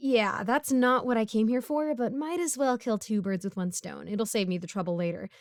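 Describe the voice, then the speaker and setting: In a casual audio roleplay, a woman plays a broke, bumbling supervillain neighbor who rambles awkwardly while pleading and justifying herself, sounding sheepish and chatty. Her voice is a little high at normal speed, natural, and recorded at studio quality with no room sound.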